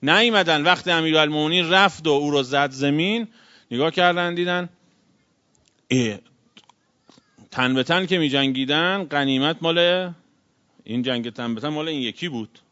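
Man, cleric preaching a sermon, fairly high voice, loud bursts and hushed asides, dull lo-fi recording. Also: long pauses. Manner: swings between loud exclamations and hushed asides. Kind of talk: sermon with religious storytelling.

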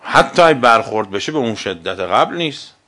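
A man giving a religious lecture as a cleric, arguing with rhetorical questions and swinging between loud emphasis and quiet asides. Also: medium pitch, sing-song, a little hiss or hum. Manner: argumentative, asks rhetorical questions.

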